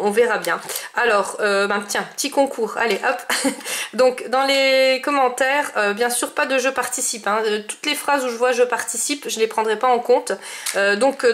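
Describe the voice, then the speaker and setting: A woman chatting casually about the crafting mail she received, with many fillers and restarts. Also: on the high side. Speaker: scrapbooking vlogger. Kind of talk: casual chat showing mail.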